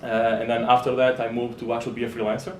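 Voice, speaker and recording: A man from Portugal, a software developer chatting casually in an interview. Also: medium pitch, completely flat delivery, quick pace. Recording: echoey room with faint hum.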